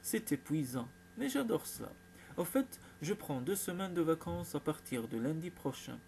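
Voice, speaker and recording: Une jeune femme calme qui élude les questions de sa famille, jouée par un narrateur masculin dans un registre plus aigu. Le ton reste mesuré, dans une lecture de roman avec un léger souffle de fond. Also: male voice, on the high side, moderate pace, vocal fry, slight background noise. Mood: posé. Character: young woman TV presenter, composed.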